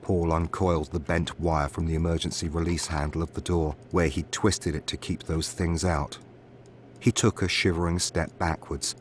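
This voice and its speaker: A man who streams spooky stories, reading a horror story aloud in a steady, measured way. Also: low-pitched, a little hiss or hum. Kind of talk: scripted horror story narration. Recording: music playing behind the voice.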